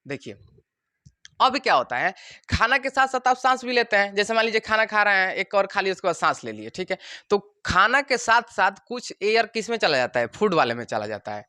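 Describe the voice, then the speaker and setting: A man teaching a science class, animated and joking, acting out the parts of the body as little characters and checking again and again that the students follow. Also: high-pitched, brisk, smooth, dry recording, studio quality. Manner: keeps asking if students understood. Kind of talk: classroom lecture.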